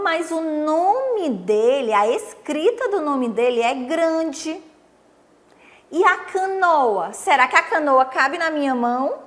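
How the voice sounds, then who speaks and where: A young Brazilian woman teaching young children on a TV lesson, coaxing and sing-song, counting slowly with them. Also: high voice. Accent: Brazilian Portuguese. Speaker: primary school teacher.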